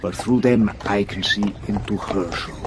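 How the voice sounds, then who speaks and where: An actor playing an elderly professor in a radio drama, speaking emphatically with halting phrases and sudden outbursts. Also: male voice, fairly low pitch, loud music behind the voice, natural voice. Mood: earnest. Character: elderly male professor, grave and urgent.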